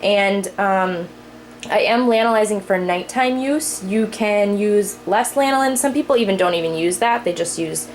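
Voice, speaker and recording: A young woman talks her way through a home how-to at the kitchen sink, casual and chatty, with the odd filler as she works. Her pitch sits in the ordinary middle. A faint household hum runs behind her. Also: normal speed, rough recording. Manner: chatty, lots of fillers, explains while working. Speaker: parent showing cloth diapering care. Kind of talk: casual unscripted how-to demo.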